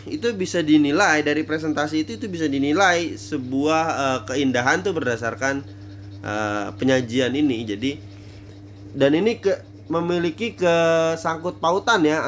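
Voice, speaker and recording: A man's voice: on the high side, fairly bright tone, a little hiss or hum. A man giving a casual theater lecture, thinking aloud with many fillers and restarts.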